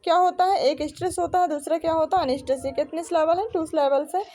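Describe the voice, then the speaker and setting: A young Indian woman teaching an English literature exam lesson, reading questions slowly and quizzing listeners in Hindi. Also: very high-pitched, fairly even intonation, warm tone. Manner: reads questions slowly, then explains in Hindi with repeated quiz-like questions.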